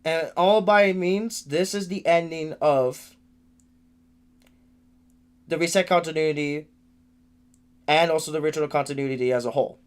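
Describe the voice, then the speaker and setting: At normal speed but pausing often, a nineteen-year-old man with a slightly high, clean-toned voice delivers a rambling livestream update. Speaking from a room in his family home, the late teen vents his frustration with frequent restarts and repeated words.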